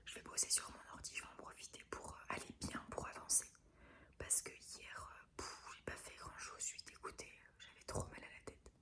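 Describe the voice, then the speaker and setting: A woman vlogger whispering a chatty, upbeat morning update. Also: fairly quick.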